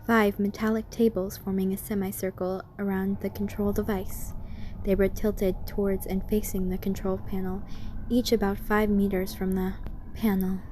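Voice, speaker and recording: A woman's voice: mid-range voice, flat delivery, moderate pace, warm tone, faint music behind. A woman reading scripted horror fan fiction as a story narrator.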